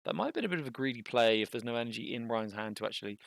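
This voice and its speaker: A young man giving casual, thinking-aloud commentary on a card game match, with bursts of excitement. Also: mid-range voice, rapid-fire, gravelly, dry recording, clean studio sound.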